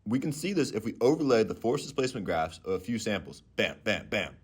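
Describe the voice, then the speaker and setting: A young man narrating a scripted engineering lesson in a clear, methodical way. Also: fairly low pitch, big pitch swings, fast talker, a little mellow. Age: young adult. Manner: clear, methodical technical explaining. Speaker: student engineering presenter.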